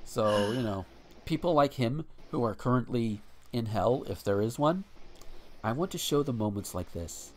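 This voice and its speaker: Blunt, lively-voiced podcast man. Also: medium pitch, normal speed. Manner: blunt and profane, ranting with restarts. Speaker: podcast co-host. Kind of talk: casual podcast chat, reading a news article aloud.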